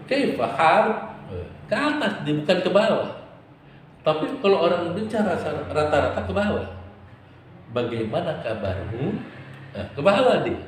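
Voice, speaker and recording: A man preacher giving a religious study lecture, playful and lively, sometimes acting out quarrelsome vendors. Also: high-pitched, a little fast, slight background noise. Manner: lively rising and falling intonation. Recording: very echoey hall.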